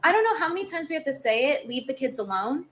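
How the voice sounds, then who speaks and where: A woman playing an indignant cartoon-remake ranter, high voice. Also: big pitch swings, quick pace, fairly bright tone, a little hiss or hum. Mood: exasperated. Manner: indignant, lecturing, emphatic. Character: exasperated woman ranting about a kids' cartoon remake. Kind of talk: comedic social media rant.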